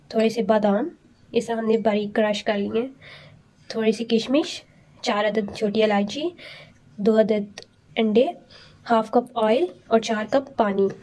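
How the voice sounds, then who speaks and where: A woman host walking viewers through a home recipe with calm, polite, step-by-step instructions. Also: on the high side. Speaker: cooking channel host.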